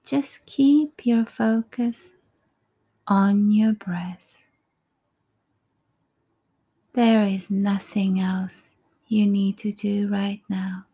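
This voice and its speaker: A woman guides a breathing meditation at an extremely slow, soothing pace. Her voice is soft and breathy, often near a whisper, with a mellow tone and frequent creak. She leaves calm pauses between short phrases. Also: medium pitch.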